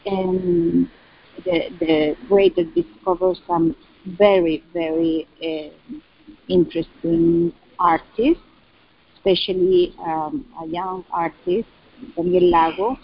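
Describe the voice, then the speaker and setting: A woman with a Chilean Spanish accent in an interview, speaking English haltingly as she translates in her head and searches for words. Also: fairly low pitch, fairly even intonation, husky. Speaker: curator and cultural center representative. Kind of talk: interview answer about exhibitions. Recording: dull lo-fi sound.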